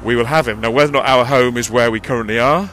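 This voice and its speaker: The male vlogger's voice is mid-range and a bit bright, and his pace is quick. He walks along a busy road with a cupped handheld mic, rambling through an audio diary, correcting himself and panting uphill. This outdoor street recording carries the noise of passing traffic.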